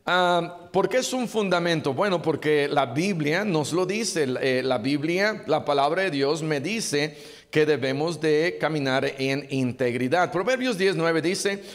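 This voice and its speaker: A male pastor preaches earnestly, pressing his points home by repeating them. His voice sits a little high for a man. It rings out with a long reverb through a church hall. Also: lively intonation, a little slow. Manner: earnest, exhorting, repeats key phrases. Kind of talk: sermon.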